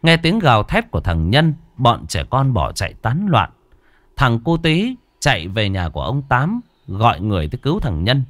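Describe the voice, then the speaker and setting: Slow, husky male horror storyteller. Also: on the low side, no echo. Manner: dramatic, drawn-out storytelling.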